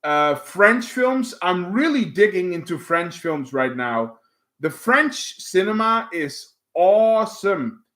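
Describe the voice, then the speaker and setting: Hosting a casual livestream, a man reads viewer comments aloud and chats, rambling along with plenty of fillers and restarts. He's a native Dutch speaker with a Dutch accent, and his voice sits high, very animated and sharp, moving at a slow pace.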